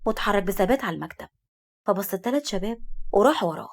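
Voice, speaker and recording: A woman narrating a story in a brisk, lively reading with an Egyptian accent. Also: medium pitch, creaky.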